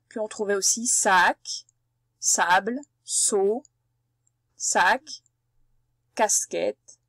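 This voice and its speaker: Slow, patient woman teaching reading. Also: on the high side, dry recording. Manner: slow, patient, sounds words out syllable by syllable; addresses the child directly as tu. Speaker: primary school teacher. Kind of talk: reading lesson for young children.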